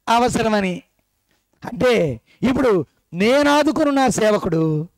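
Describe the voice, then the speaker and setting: At a church meeting hall, a preacher with a fairly high voice delivers a sermon, firing questions directly at the congregation and teasing them as he goes. The recording is dry and close, with little room sound.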